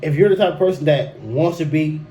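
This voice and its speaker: Here a laid-back young man hosts a solo podcast on relationship advice, his mellow voice on the high side and moving a little fast. His delivery is loose, repetitive and emphatic, full of restarts and "bruh," with faint noise in the background.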